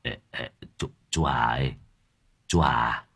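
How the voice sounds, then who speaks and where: A man voicing a scruffy, broke middle-aged male vagrant who stammers and pleads in a hushed tone. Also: rumbling low, slow, vocal fry, husky, voice pushed down, heavily acted. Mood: sheepish pleading.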